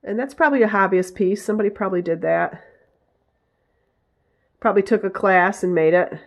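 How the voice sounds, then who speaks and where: A woman with a raspy, hoarse voice from a head cold, chatting casually as she shows off her thrift finds, often pausing to search for words. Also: mid-range voice. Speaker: vlogger showing thrift finds. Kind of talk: casual haul show-and-tell.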